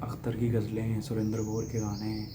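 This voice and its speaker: With a lowish, monotone voice at a moderate pace, this young Haryanvi man shares a personal story while loud noise fills the background. He reflects casually on a writer's influence on his life, laughing a little and restarting sentences.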